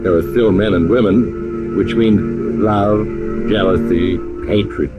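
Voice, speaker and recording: An actor playing an enigmatic traveler, narrating eerie radio tales in an ominous, measured, theatrical manner. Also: male voice, fairly low pitch, fairly even intonation, muffled recording, loud music behind the voice. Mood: grave narration. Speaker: host and narrator.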